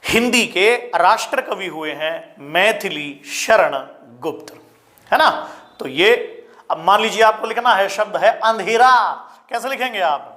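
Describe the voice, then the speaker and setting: A man teaching a spelling lesson to exam students, repeating each word slowly and calling his listeners children. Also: sits high, animated, pushed and bright. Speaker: Hindi teacher.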